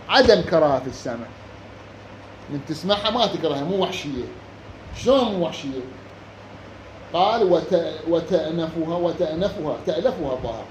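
A man with an Iraqi Arabic accent teaching a classroom lesson, reading a passage slowly, then explaining it and quizzing his students. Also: high voice, darkish tone. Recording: echoey room with faint background noise.

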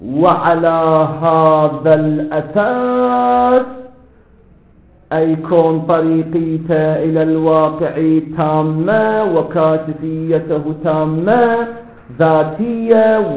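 A man giving a seminary lecture on jurisprudence, explaining terms slowly and deliberately, with a melodic, chanting lilt on some words. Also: a little high. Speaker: teacher of Islamic jurisprudence. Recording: echoey room over a tinny phone-like line.

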